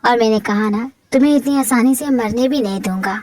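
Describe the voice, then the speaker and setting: A woman's voice: on the high side, fairly quick, darkish tone, no echo, natural voice, poor audio. A woman voicing an obsessive, possessive young mafia husband in a fan-fiction audio drama, pleading one moment and lashing out the next. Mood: cold. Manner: pleading and possessive, swings to angry outbursts.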